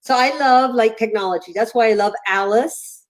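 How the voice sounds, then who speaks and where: Older woman telling lively stories. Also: on the high side, normal speed. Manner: animated storyteller, acts out voices in anecdotes. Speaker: guest, company founder. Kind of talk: casual interview chat.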